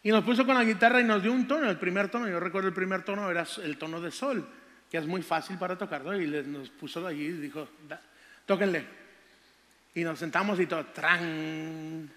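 Preaching a sermon testimony, an older man reads scripture with fervent, stretched-out delivery, then slips into folksy tales of growing up. His fairly bright voice sits high for a man, echoing with long reverb in the church hall.

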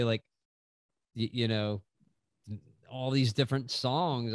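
A man's voice: mid-range voice, no echo. Laid-back man telling stories, dry sound. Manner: laid-back storytelling, lots of "you know". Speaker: guest musician. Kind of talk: casual podcast chat.

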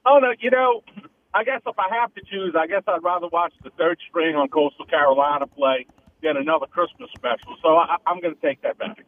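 A man calling in to a radio show over the phone, talking in a halting way with many stammered restarts. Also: on the high side. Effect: heard over the phone line. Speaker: radio caller. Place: on his porch. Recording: tinny phone line.

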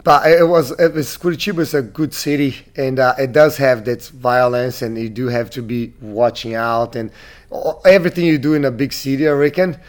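A man's voice: mid-range voice, brisk. A man from Brazil in his thirties, a gym owner being interviewed, talking casually with many restarts and fillers.

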